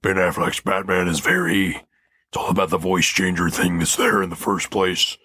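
Very deep raspy-voiced man. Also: little pitch movement, normal speed, bright, forceful tone, dry recording, clean studio sound. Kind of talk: casual chat.

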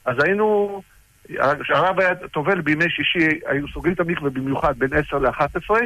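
A middle-aged man casually recounting personal stories about his rabbi, halting with frequent restarts. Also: a little high, pushed and bright, no echo, poor audio. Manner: halting, with many restarts and fillers. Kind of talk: casual storytelling.

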